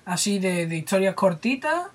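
A podcast host with a Spanish accent, retelling a comic story in an animated way, with lots of swearing. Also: mid-range voice, moderate pace, a crowd in the background. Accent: Spain. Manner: animated, profane, retelling stories with voices. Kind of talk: casual storytelling chat.

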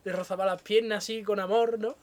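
A man's voice: high-pitched, fairly even intonation, a little fast. A man tells a story in casual conversation. He keeps chuckling as he talks, loose and unscripted. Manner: laughs often while telling a story. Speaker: podcast co-host.

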